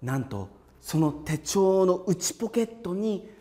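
A man preaching a calm, measured sermon in a steady voice, sometimes dropping to a hushed whisper. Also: high voice, in a large hall. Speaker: pastor.

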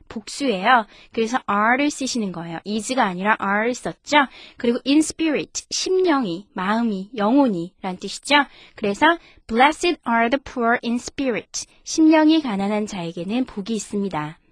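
A woman, an English teacher, reading a Bible story slowly in two languages, then explaining phrases in a friendly, careful way. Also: a little high, dry recording, studio quality.

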